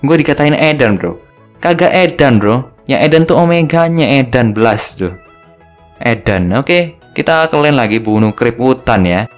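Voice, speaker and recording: A man's voice: mid-range voice, expressive, normal speed, soft background music. A young man gives casual, joking commentary over a mobile game, tacking little tag words onto his phrases. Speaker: gaming video host.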